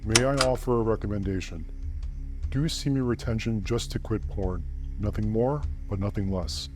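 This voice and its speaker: A man whose voice is pitch-shifted deeper, delivering an earnest, preachy scripted monologue as a channel host. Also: normal speed, soft background music.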